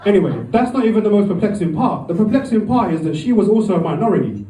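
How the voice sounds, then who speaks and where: Guy in his 40s doing a rambling standup set, bit high voice, mic kinda far off. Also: lively intonation, quick pace, background noise. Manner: rambling, self-deprecating, acts out voices with swearing. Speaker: stand-up comedian. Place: comedy club. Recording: echoey room, mic from far off.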